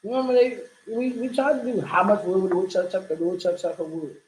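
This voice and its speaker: A woman's voice: mid-range voice, fairly even intonation, fast talker, a little mellow, echoey room, a little hiss or hum, poor audio. A woman co-hosting a casual podcast, teasing her co-host and talking to the viewers. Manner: playful, teasing, addresses viewers. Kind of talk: casual chat, tongue-twister game.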